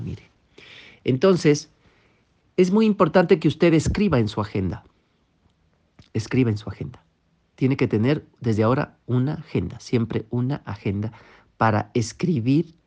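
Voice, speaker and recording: A man's voice: mid-range voice, a little mellow. A man teaching public speaking, earnest and direct, often checking in with the listener. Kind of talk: instructional talk. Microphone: microphone.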